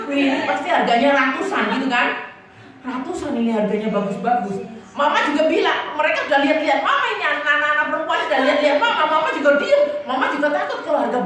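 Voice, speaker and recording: High-voiced woman preaching in an echoey hall. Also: slight background noise. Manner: lively storytelling, keeps asking the congregation "right?"; casual and chatty, often laughing as she tells stories. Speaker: pastor. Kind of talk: preaching with personal stories. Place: church. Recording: echoey church hall from a distant mic.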